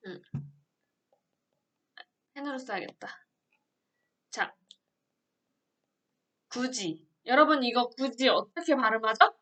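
A woman teaches an online grammar lesson, asking questions and answering them herself. Her voice sits a little high and sounds bright and clear. She explains patiently, step by step. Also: expressive, takes it slowly, long pauses.

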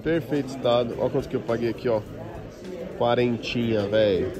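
A Brazilian man with a Brazilian Portuguese accent, a toy collector and vlogger, talks casually and in slang while walking around a busy toy convention. His voice is medium-pitched and a little fast, with music and crowd chatter in the background. The recording, made on the move, picks up the busy noise of the convention crowd.

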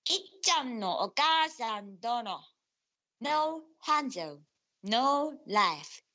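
A woman acts out an eager, polite ninja retainer co-hosting a radio show. The voice is high and bright, swinging widely in pitch, with deferential old-fashioned samurai-era phrasing. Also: very animated, extremely slow, muffled recording, full character voice. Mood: bright, presenting.

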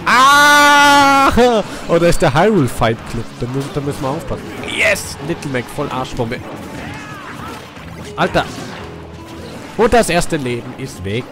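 A young gaming host from Austria, nasal from a cold, narrates his let's play casually and without hurry, pausing often. His delivery swings from excited shouting to soft mumbling over the game's music.

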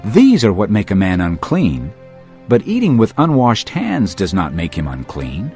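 A man's voice: fairly low pitch, wildly swooping pitch, a little mellow, soft background music. A man playing Jesus as a firm, earnest, emphatic teacher in a dramatised audiobook. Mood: earnest, teaching. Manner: emphatic, deliberate, declarative.

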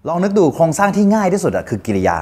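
A man with a somewhat high-pitched voice gives a casual English lesson to learners. He explains each step clearly and keeps asking them to repeat after him. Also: sing-song, racing, dark tone, slight background noise. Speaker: English teacher. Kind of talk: casual spoken language lesson.

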